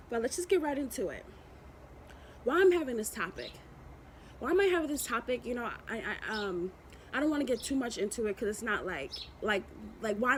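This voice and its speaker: Against a noisy background, a woman with a fairly high voice vlogs on YouTube. Her motivational chat is rambling and affectionate, with frequent repetition and restarts.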